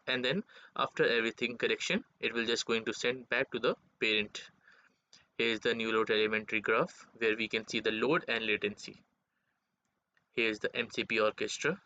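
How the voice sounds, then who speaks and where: A man presenting a software demo as its developer, in halting, non-native English phrasing, on a dull, lo-fi microphone. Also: on the low side.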